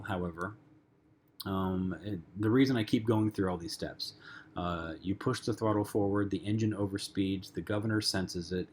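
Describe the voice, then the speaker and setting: A man with a lowish voice teaches a flight lesson, talking loosely and conversationally, filling gaps with ums and uhs. A faint hum sits under the recording. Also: a little mellow. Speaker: flight instructor. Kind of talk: lecture-style flight lesson.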